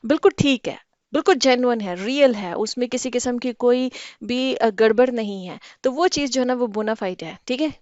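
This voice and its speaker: A woman's voice: on the high side, darkish tone, dry recording, lo-fi sound. A woman teaching English vocabulary in Hindi, explaining patiently and often checking "ठीक है?".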